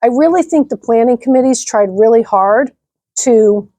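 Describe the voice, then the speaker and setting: A middle-aged woman with a fairly high voice speaks in an upbeat, enthusiastic way while being interviewed. The sound is close and dry, with no room echo. She comes across as an articulate nonprofit director. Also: normal speed, mellow. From Nebraska, United States. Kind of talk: interview conversation.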